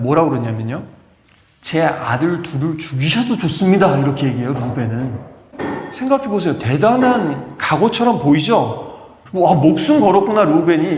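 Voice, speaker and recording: A male pastor delivers a sermon in a slightly high voice, telling stories with emphasis and giving voice to the people he quotes. The sound is roomy, with a long reverb from the church hall around him. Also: a little mellow. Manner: emphatic, storytelling, acts out quoted lines. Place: church sanctuary.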